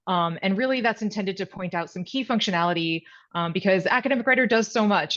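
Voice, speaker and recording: A woman's voice: lowish voice, a bit bright. A woman giving a product presentation over a video call, chatty and upbeat, with easy laughs. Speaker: product director presenting a webinar. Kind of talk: casual presentation. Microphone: video call mic. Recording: dull lo-fi video call audio.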